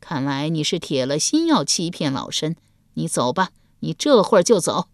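A woman's voice: low-pitched, sing-song, normal speed, dry recording, clean studio sound. A woman voicing a shrewd, stern elderly grand empress dowager who speaks coldly and commandingly in a storybook reading. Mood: imperious. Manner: cold, imperious, scolding.

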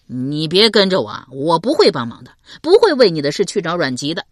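A woman reading the part of a carefree male scholar and drinker, speaking loudly with a teasing, mocking edge. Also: low voice, very animated, brisk, no room sound, clean studio sound. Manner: teasing, loud and laughing.

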